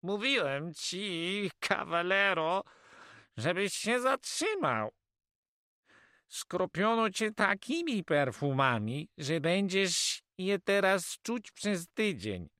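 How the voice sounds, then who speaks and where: A man's voice: big pitch swings, slow, sharp tone, clear, resonant tone, no echo, studio quality, exaggerated voice. A man voicing a cautious, wry Catalan male companion who politely warns his friend in an audiobook. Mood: wry warning. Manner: high, polite and warning, calls him "kawalero". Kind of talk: audiobook character voice.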